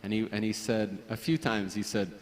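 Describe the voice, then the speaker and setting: A man's voice: on the low side, steady tone, moderate pace. A man at a memorial gathering, telling affectionate anecdotes about a friend and chuckling as he remembers. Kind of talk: reminiscing anecdotes. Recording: long reverb.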